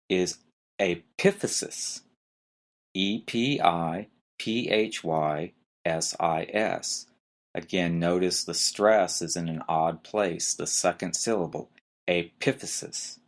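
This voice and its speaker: A podcast host teaching medical terms gives a slow lesson in a low voice. He spells each word letter by letter and carefully points out where the stress falls on each syllable.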